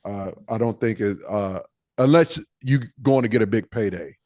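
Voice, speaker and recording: A man's voice: on the low side, moderate pace, dark tone, dry recording, clean studio sound. A man co-hosting a podcast, talking basketball in a laid-back way and thinking aloud with fillers. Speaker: podcast co-host. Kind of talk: casual sports talk.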